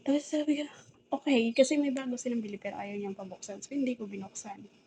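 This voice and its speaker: Filipino lady rambling on in her vlog, kinda aggrieved, soft dark tone. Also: on the high side, steady tone, fast, a little hiss or hum, low-quality recording. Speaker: domestic helper vlogger. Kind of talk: casual storytelling vlog.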